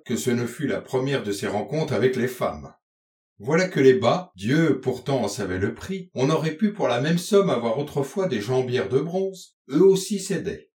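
A man narrating a literary novel aloud in a measured, expressive reading style. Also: mid-range voice. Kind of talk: audiobook reading of literary prose. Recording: roomy echo.

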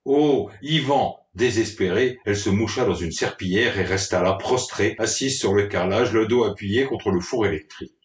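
A man's voice: lowish voice, normal speed, few pauses. A man narrating a story in a dramatic, mock-melodramatic reading style. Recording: roomy, distant from the mic.

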